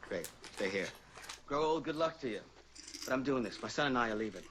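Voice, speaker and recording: A man's voice: mid-range voice, animated, a little fast, a bit bright, a little hiss or hum, lightly acted. A man playing a stubborn, protective, hot-tempered father in a naturalistic TV drama. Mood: determined.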